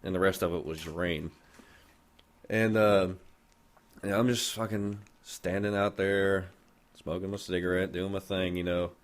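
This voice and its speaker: A podcast host with a deep, steady voice tells a long story casually, a little slowly and with frequent pauses. He keeps it loose and joking, swearing a lot.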